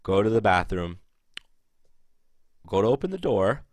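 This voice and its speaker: Profane young man with a dry, lowish voice. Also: sing-song, measured pace, a little mellow, no echo. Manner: rambling, profane, lots of "like" fillers. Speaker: vlogger. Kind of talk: casual storytelling.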